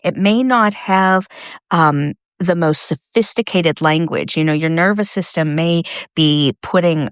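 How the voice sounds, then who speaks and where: A middle-aged woman speaks in a lowish voice as host of a faith-based coaching podcast. She talks conversationally and reassures gently. The recording is close and dry, with no room sound. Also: a little slow, smooth, no echo.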